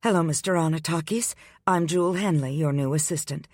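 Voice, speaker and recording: A man voicing a nervous young woman, a new assistant, who speaks shakily but keeps a crisp, polite front. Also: on the high side, a little mellow, dry recording, clean studio sound, pitched above the performer's own voice, close to an everyday voice. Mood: shaky, crisp. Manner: shaky yet crisp, brisk politeness.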